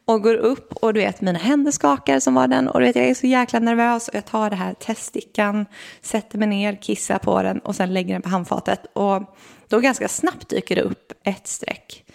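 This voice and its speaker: A young woman telling a personal story in a casual, animated way and acting out what people said. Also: medium pitch, vocal fry. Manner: animated storyteller, acts out quotes. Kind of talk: casual chat.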